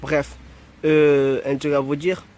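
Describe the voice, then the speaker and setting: A man's voice: on the high side, monotone, slow, a little mellow. A young man from Marseille giving a rambling, preachy message to his followers, often stopping to say "you see" and "anyway". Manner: rambling, preachy, repeats "tu vois" and "bref". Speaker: music producer addressing his followers. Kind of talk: casual direct-to-camera message.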